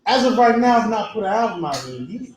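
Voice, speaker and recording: A man's voice: high-pitched, very animated, quick pace, roomy sound, rough recording. A man in his thirties in a casual group chat about music, talking over the others and repeating himself as he argues his point. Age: 30s.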